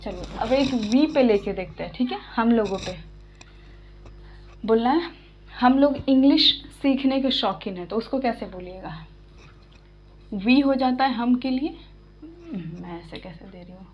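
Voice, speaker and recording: A woman teaching an English lesson, explaining slowly and patiently and often checking that her students follow. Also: on the high side, lively intonation. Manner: patient, repeats and checks understanding. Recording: dull lo-fi sound.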